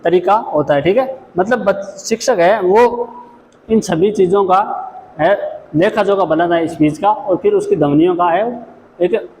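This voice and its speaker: A man's voice: high-pitched, moderate pace, darkish tone. A man teaching a special education class, explaining each point and then repeating it, often checking in with "okay". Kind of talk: classroom lecture. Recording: echoey room with faint noise.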